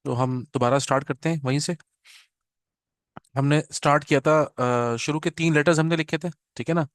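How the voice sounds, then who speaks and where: A man teaches Quran pronunciation in a smooth, resonant voice that sits a little high for a man. He keeps checking in with his students and mixes English phrases into his explanation, drawing out each letter sound slowly to show it. The recording is close and dry, with no room echo. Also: steady tone. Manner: patient, repeats "theek hai na" often. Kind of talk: online class explanation.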